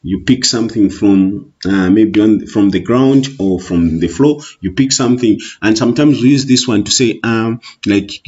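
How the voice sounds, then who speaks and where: In a muffled, lo-fi screen-recording voice-over, a Zambian man, a Bemba speaker with Tonga-influenced English, teaches an online lesson on an exam paper. His fairly low voice is dark and husky; he explains at a slow, patient pace, with plenty of repeated "okays."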